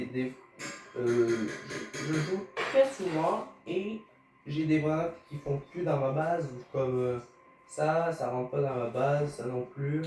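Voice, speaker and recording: A gaming YouTuber, a Canadian man with a Québécois accent, chats casually about the game he is playing, hesitant and stammering with many fillers. His voice is on the high side with a darkish tone. A distant mic catches roomy echo and background music.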